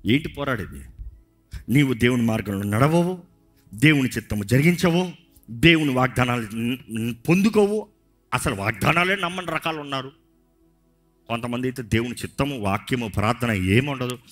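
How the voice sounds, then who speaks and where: A man's voice: medium pitch, animated, moderate pace, long pauses, fairly bright tone, soft background music. A male pastor preaching in a sermon, repeating phrases and acting out pleading quotes, switching into English now and then. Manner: preaching with dramatic voiced quotes and repetition.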